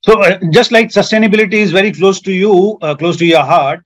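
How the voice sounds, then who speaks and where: Man, panel guest, earnest, lists points in order, fairly high voice. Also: fairly quick. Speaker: hotel general manager, panel guest. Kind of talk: panel discussion.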